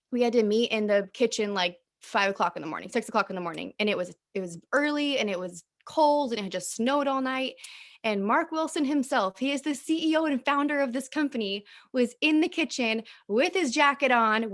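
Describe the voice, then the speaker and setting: A woman with a fairly high voice gives a cheerful recruiting talk about her network marketing business. She speaks in a chatty, casual way, full of "like" and "um", and smiles through her words. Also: moderate pace, a bit bright. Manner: upbeat, smiling while talking; chatty, uses filler "like" and "um".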